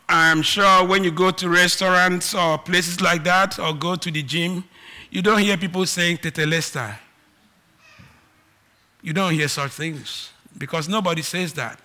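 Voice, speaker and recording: A high-pitched Nigerian man with a Nigerian accent delivers a sermon. He alternates between loud, emphatic declarations and quiet asides.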